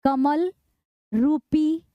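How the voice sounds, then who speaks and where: A woman runs a live online exam-prep lesson, asking her students questions and answering them herself. Her voice sits very high. The sound is dry and close, with no room around it. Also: steady tone, very slow, mellow, no room sound, lo-fi sound. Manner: repeats key points, coaxing questions to students. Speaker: online Hindi teacher.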